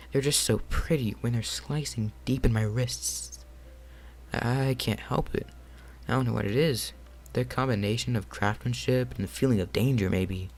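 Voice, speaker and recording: A man's voice: mid-range voice, a little hiss or hum, natural voice. A man voicing a shy, nervous young woman, reading her lines in a hesitant, stammering way in a game.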